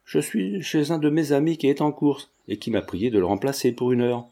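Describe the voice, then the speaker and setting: A man's voice: mid-range voice, fairly quick, creaky, mellow. A man reading the lines of a wary, suspicious schemer who answers curtly. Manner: curt, suspicious. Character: wary middle-aged male schemer.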